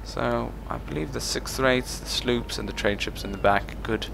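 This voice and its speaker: A steady, medium-pitched voice with vocal fry comes from a gaming channel host speaking at normal speed over background noise. He plays a strategy game in a let's play, talking out his moves as he weighs them.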